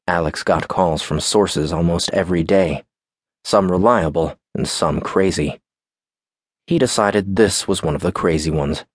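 Low-voiced male audiobook narrator. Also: measured pace, no echo, studio quality. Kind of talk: scripted narration.

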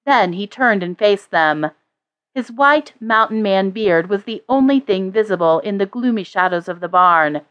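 Slow, measured woman audiobook narrator. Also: medium pitch, expressive, fairly bright tone, lo-fi sound. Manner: measured storytelling. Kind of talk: scripted narration.

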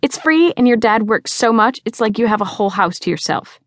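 A woman voicing a bubbly, theatrical teenage girl who teases her friends in an excitable, dramatic way. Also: on the high side, brisk, no echo, pitched above the performer's own voice. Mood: whiny. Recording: dry studio.

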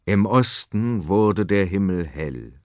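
Lively male storybook narrator. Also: sits low, slow pace, no echo. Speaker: audiobook narrator. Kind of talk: scripted children's story narration. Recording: dry studio audiobook.

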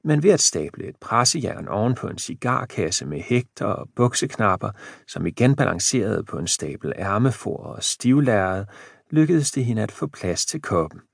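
A man reading a novel aloud as an audiobook narrator, in measured storytelling. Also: on the low side, sing-song, vocal fry, slightly rough, dry recording, clean studio sound. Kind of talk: scripted narration.

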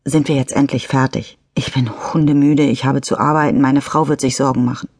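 A woman's voice: a bass voice, steady tone, brisk, darkish tone, husky, dry recording, exaggerated voice. A woman reading a nervous middle-aged man who has just hit someone with his car, stammering and turning defensive. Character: nervous middle-aged male driver after a crash. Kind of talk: audiobook character reading.

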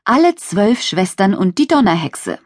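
A woman's voice: medium pitch, very animated, a little mellow, dry recording, clean studio sound. A woman voicing a kind, cheerful witch mother who speaks encouragingly in a children's storybook. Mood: warm. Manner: encouraging, brisk.

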